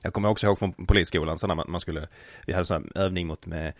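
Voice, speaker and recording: A man's voice: sits low, fairly even intonation, dry recording, studio quality. A man co-hosting a casual chat, a playful storyteller who acts out the voices in his stories. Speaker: podcast co-host.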